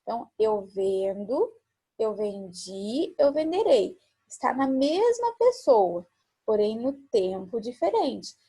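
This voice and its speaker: A woman teacher with a Brazilian Portuguese accent gives a recorded lesson, her voice a bit husky and set slightly high. She repeats each example patiently and keeps asking the class rhetorical questions. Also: sing-song, slow, dark tone.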